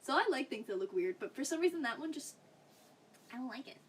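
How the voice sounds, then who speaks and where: A woman's voice: high voice, animated, quick pace. A young woman livestreaming from a room at home, chatting casually with her viewers in a rambling way and laughing often. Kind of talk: casual chat with stream viewers. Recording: slightly distant mic, faint background noise.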